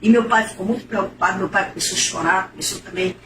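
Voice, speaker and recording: A woman's voice: mid-range voice, fairly even intonation, fast. A middle-aged woman, giving an emotional, repetitive religious testimony in a preacher-like manner. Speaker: testimony giver. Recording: echoey, distant, noisy.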